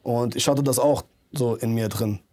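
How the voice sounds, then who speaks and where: A man in his thirties talks earnestly in a music studio interview, rambling through fillers and restarts. His voice is mellow and dark, and he speaks into a handheld mic held out to him. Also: medium pitch, fairly even intonation, normal speed. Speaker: rapper, interview guest. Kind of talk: casual interview talk.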